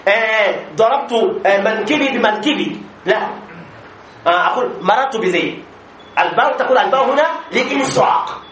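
A man teaching a grammar lesson to a class, repeating examples slowly with many drawn-out fillers and checking that students follow. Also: sits high, a bit bright. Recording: echoey room with faint noise.

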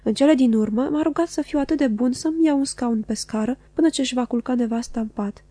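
A woman narrating a classic novel as an audiobook in a measured, expressive reading. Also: high voice, dry recording.

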